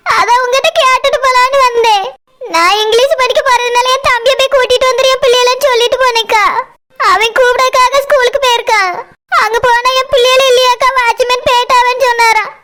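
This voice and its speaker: A frantic young mother from a Tamil cartoon, as a woman voices her, sobbing and pleading in a Kanyakumari Tamil accent. Her voice sits very high and bright, close to a child's, and it stays tearful and fretful throughout. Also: steady tone, a little fast. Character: distraught young mother searching for lost children. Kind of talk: cartoon voice acting.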